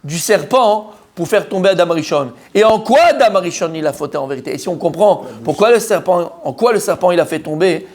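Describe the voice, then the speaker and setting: A man teaching a lively religious class to a room of men, asking questions and answering them himself, mixing Hebrew terms into his French. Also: high voice, brisk, hardly any pauses. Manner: acts out the story's characters, mixes Hebrew terms into French.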